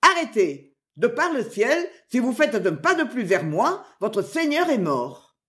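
Storybook hero: a woman plays a brave young male archer, firm and commanding, lively delivery. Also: mid-range voice, moderate pace, lightly acted. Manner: firm, imperious warnings.

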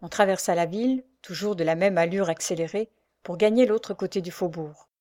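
A woman reading a novel aloud in calm, measured narration. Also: on the low side, no echo, clean studio sound. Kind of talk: scripted audiobook narration of a novel.

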